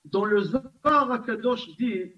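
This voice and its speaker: A rabbi with a high voice gives a lively class in a community center room, repeating points and putting questions to his listeners. He sits well back from the mic, and the recording sounds dull and lo-fi. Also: slow pace, recorded from a distance. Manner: animated, repetitive, asks the audience questions. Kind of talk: recorded Torah class lecture.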